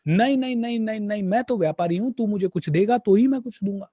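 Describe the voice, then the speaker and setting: A man's voice: sits high, fast talker, dark tone, no echo, studio quality, voice pushed up. A man voicing a shrewd male merchant in a spoken story, refusing in a firm, matter-of-fact way.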